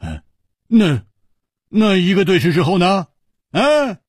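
A man doing a loud, reckless swordsman. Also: big pitch swings, slow pace, slightly rough, no room sound, clean studio sound, full character voice. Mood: boisterous. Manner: loud, laughing, high-strung. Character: boisterous poisoned swordsman, hearty and reckless.

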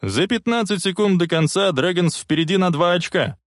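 A man voicing an excited radio sports announcer giving play-by-play. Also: high-pitched, normal speed, no room sound, studio quality, voice pushed up.

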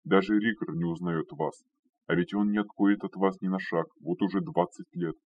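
A man's voice: deep voice, steady tone, moderate pace, a little hiss or hum, natural voice. A man voicing a loyal male retainer who pleads and speaks hesitantly, recorded distant and dull. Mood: humble, hesitant.

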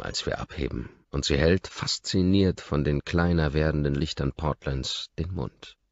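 A man narrating an audiobook in the first person, in a calm, measured reading that drops to a murmur. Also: a bass voice, creaky, dry recording, lo-fi sound.

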